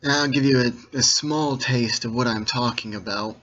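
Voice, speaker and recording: A man giving an informal, didactic monologue to viewers, speaking in deliberate, halting phrases with emphatic stresses and checking that listeners follow. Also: medium pitch, pushed and bright. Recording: dull, lo-fi sound.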